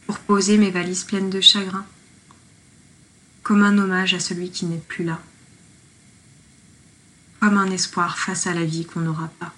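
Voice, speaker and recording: A woman's voice: lowish voice, little pitch movement, unhurried, pauses often, fairly bright tone, poor audio. A woman reading her own poetic lockdown diary aloud in a tender, reflective way. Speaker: diarist.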